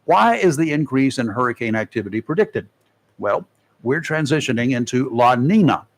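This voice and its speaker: A man's voice: mid-range voice, animated, normal speed. A man hosting a local radio talk show, reading safety tips with folksy, joking asides. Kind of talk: casual radio talk and read-out segment. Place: radio studio.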